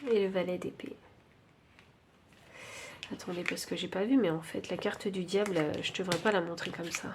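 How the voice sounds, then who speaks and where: A woman with a French accent giving an intuitive tarot reading, thinking aloud with many pauses and fillers. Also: lowish voice, steady tone, background noise. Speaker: tarot card reader.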